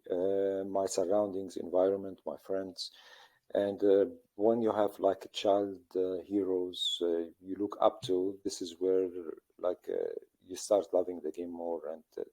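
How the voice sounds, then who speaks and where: Answering interview questions, a middle-aged Lebanese football coach speaks halting English full of fillers and pauses. He has a mellow male voice that sits low.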